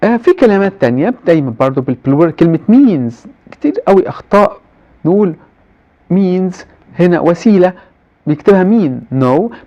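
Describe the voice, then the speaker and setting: A man with an Egyptian Arabic accent teaching English translation, reading English examples slowly and explaining fast in colloquial Arabic. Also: sits high, expressive, mellow. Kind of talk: university lecture mixing Arabic and English. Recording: dull lo-fi recording.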